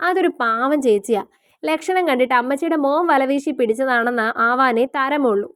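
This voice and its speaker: A woman's voice: high-pitched, normal speed, a bit bright, smooth, no room sound, studio quality. A woman voicing a chatty, curious young woman who teases her mother. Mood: teasing. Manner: curious, teasing.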